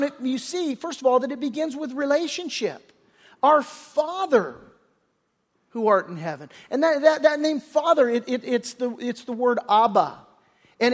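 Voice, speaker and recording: An older man preaching a conversational sermon as pastor, folksy and full of restarts, often acting out the characters' lines. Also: very high voice. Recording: long reverb of a large hall.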